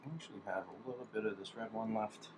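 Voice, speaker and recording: In a clearly noisy workshop recording, a man tinkers with DIY electronics and narrates informally as he goes, thinking out loud. His voice runs on the low side, with fairly even intonation and a quick pace.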